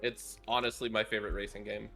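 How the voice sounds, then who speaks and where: A man chats casually on a podcast in a creaky voice with a bright, forward edge. He giggles often and rambles, restarting his sentences as he goes. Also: lowish voice, little pitch movement, fast talker, soft background music. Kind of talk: casual chat.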